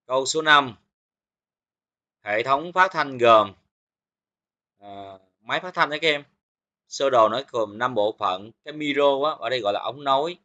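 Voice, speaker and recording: A man with a bright, forceful voice walks through a physics exam review. He explains each answer step by step and keeps asking his students whether they follow. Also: medium pitch, expressive, normal speed, pauses often, lo-fi sound. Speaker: physics teacher.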